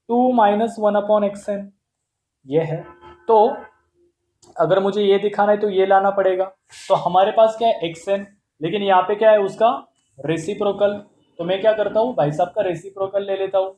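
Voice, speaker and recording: A man's voice: sits high, steady tone, normal speed, warm tone. Man teaching math, echoey room. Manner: explains step by step with rhetorical questions; playful, calls terms "bhai sahab". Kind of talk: blackboard math lesson.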